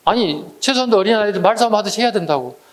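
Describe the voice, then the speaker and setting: A middle-aged male lecturer with a slightly raised voice, teaching an exam-prep class. He talks in a lively, blunt way and keeps throwing rhetorical questions at his students. He slips into slangy little voices to act out quarrels. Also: high-pitched, rapid-fire, a little hiss or hum. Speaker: history lecturer.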